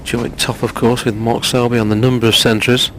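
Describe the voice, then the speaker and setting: A man giving hushed, conversational snooker commentary as a co-commentator. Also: medium pitch, little pitch movement, a little fast. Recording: clear background noise.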